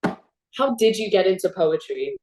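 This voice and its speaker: A teenage girl hosting a casual interview, telling stories in an animated way and laughing often. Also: on the low side, measured pace, echoey room. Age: teens. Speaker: host. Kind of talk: casual chat.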